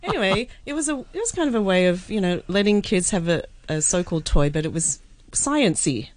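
A woman's voice: medium pitch, big pitch swings, brisk, dry recording. A woman radio host chatting casually in the studio, with lots of fillers and frequent laughs.

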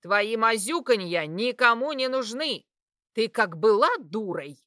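A scornful, domineering middle-aged mother in an audiobook, shouting each word slowly and heavily, played by a woman reading. Her voice is bright and cutting. The recording is dry and close-miked. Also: mid-range voice, big pitch swings, no echo, heavily acted. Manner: shouting, scornful, slow and heavy.

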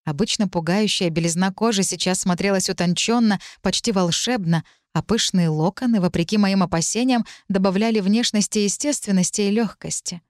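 A woman narrating a novel in the first person, reading calmly and at a measured pace. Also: medium pitch, no echo, clean studio sound. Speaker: audiobook narrator.

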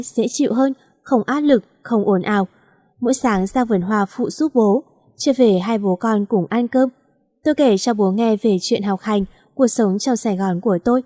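A woman narrating a first-person romance story as an audiobook, in an even storytelling read. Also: mid-range voice, dry recording, studio quality.

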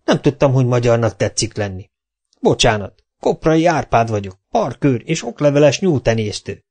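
A man's voice: medium pitch, animated, darkish tone. A man reading an audiobook voices a skinny, polite old park keeper who gets flustered easily. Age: older.

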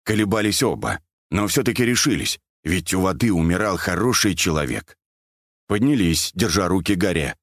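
A man narrating a story in an expressive, vivid audiobook reading. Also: deep voice, moderate pace, dry recording, clean studio sound.

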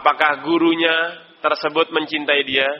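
A man's voice: fairly high pitch, level tone, moderate pace. A man with an Indonesian accent teaching an Arabic language class, quizzing students by name and chuckling now and then. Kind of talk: live online Arabic class. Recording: dull lo-fi recording.

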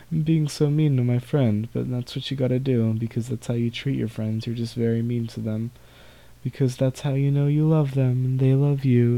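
Alone on his podcast, a young man with a mellow, medium-pitched voice rambles through self-deprecating school stories in casual storytelling style, laughing every so often.

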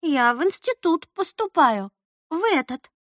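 Woman doing a teen girl, high, whiny, rushed, indignant, jumpy pitch. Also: lively intonation, dry recording, clean studio sound. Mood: agitated. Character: excitable indignant teenage girl applicant.

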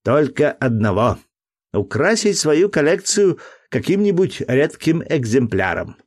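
A man putting on a shrill, fussy scholar. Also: big pitch swings, a little slow. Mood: fussy, lecturing. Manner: indignant, pedantic, lecturing. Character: fussy, excitable learned male entomologist. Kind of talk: audiobook character voice.

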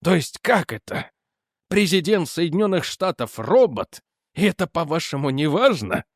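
A man's voice: sing-song, normal speed, dry recording, studio quality. A man reading aloud as a firm, persistent male investigator who presses his argument. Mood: pressing. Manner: firm, pressing, lowered in pitch.

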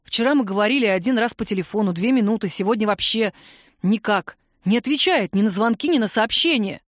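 A woman's voice: medium pitch, lively intonation, a little fast, dry recording, studio quality, natural voice. A woman voicing an irritable, worried young man snapping at his friend, in an audiobook. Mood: irritated. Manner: gruff, snapping.

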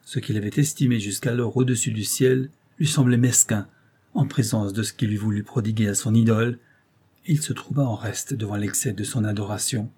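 A male narrator reads a literary romance in a measured, lyrical storytelling manner. His voice is dark and mellow, with a husky edge. The delivery is steady and unhurried. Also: fairly low pitch. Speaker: audiobook narrator.

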